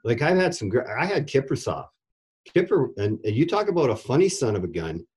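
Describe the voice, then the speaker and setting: Rambling ex-goalie-coach man, mid-pitch. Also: very animated, a little fast, a little mellow, slightly rough. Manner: rambling, repeats words when starting sentences. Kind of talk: casual podcast interview.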